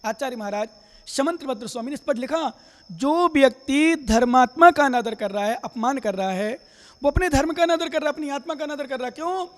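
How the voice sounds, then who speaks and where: A man with a very high voice preaches as a monk. He questions his listeners directly and plays out little quarrels as examples, and his words ring out in a long hall reverb. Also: a little fast. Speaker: Jain monk giving a discourse. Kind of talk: sermon.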